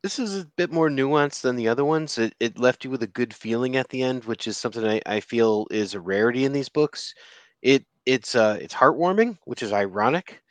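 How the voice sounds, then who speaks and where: A man co-hosting a podcast who talks about a comic book in a relaxed, hesitant way with many restarts. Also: medium pitch, a little fast, no echo. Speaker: podcast co-host. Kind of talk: casual comic book discussion.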